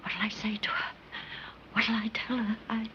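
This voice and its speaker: A woman's voice: sits high, big pitch swings, normal speed, a bit bright, heavily acted. An actress playing a distraught older woman street fruit seller, sobbing and pleading in a 1930s film. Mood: pleading, tearful. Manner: sobbing, pleading, breaking into whispers. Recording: dull old 1930s film soundtrack, faint hiss.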